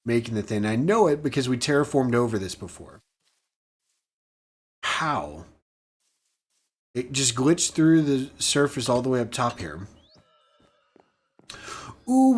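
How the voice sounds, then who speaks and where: Goofy, chatty man narrating gameplay. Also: mid-range voice. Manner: chatty, goofy and self-mocking. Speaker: gaming channel host. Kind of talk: casual gameplay commentary.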